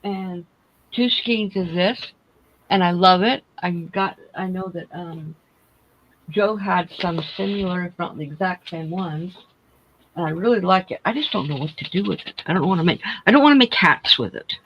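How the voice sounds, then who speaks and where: A woman's voice: on the low side, moderate pace, lo-fi sound, slight background noise. A woman hosting a casual crochet livestream, chatting in a rambling way, speaking without her teeth in. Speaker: host of a crochet chat livestream.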